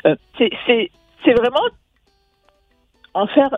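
Her voice sits on the high side and is animated, though she talks slowly. Born in Mali and raised in France, she's a guest coach earnestly explaining on the radio, full of fillers and false starts. The recording is dry and phone-like, with a little music faintly behind.

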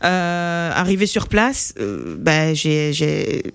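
Lively laughing woman, dry close sound. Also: low-pitched, slow pace, smooth, no room sound. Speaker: actress guest. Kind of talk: casual interview talk.

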